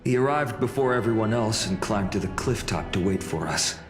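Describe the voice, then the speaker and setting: A man's voice: fairly low pitch, animated, normal speed. Easygoing joking young man. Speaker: game character. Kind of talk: game cutscene voice acting. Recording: roomy with long reverb, faint music.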